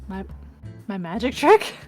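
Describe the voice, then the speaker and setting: A woman's voice: medium pitch, very animated, measured pace, a little mellow, soft background music. A woman player in a tabletop game, tossing out playful quips and in-character questions.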